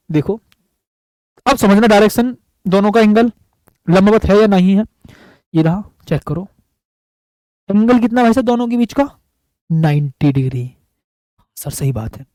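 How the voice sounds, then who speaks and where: A man with a high, slightly mellow voice lectures on physics at a board, affectionate and repetitive, often calling his students buddy. The recording is low quality with no echo.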